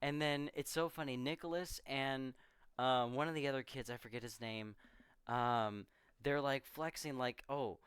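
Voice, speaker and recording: A man in a casual podcast chat, walking through a movie scene by scene and dropping into quick quoted lines for the characters. His voice is smooth and resonant, recorded close and dry with no room sound. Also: mid-range voice, steady tone, fairly bright tone, dry recording. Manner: rambling, retells scenes with quoted voices and laughs. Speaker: podcast co-host.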